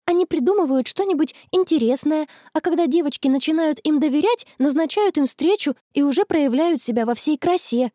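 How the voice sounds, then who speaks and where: A woman voicing an excitable, worried teenage schoolgirl in a storybook, talking high and fretful. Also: a little fast, few pauses, no echo, clean studio sound, natural voice. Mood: worried, eager.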